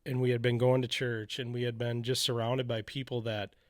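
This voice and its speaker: A man's voice: medium pitch, flat delivery, brisk, no echo. Man, casual candid storyteller with a mid-range voice and a dry close-mic sound. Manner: candid, rambling retelling with many "you know" asides. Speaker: podcast co-host telling his faith story.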